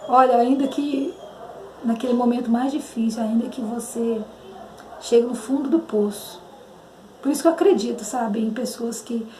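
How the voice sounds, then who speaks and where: A woman's voice: fairly high pitch, dark tone. A Brazilian woman giving a personal religious testimony, hesitant and searching for words. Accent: Brazilian Portuguese. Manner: hesitant, searching for words, sings hymn lines. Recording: echoey room with faint noise.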